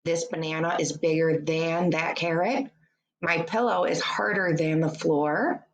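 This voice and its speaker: A woman with a low-sitting voice reads an educational children's book aloud the way a teacher would. She is deliberate and instructive, slipping in short explanations for young pupils.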